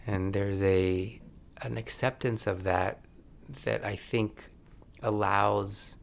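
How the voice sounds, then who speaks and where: Low gravelly man in his forties. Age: 40s. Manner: thoughtful, searching, with pauses and restarts. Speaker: documentary director, podcast guest. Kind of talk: reflective conversation.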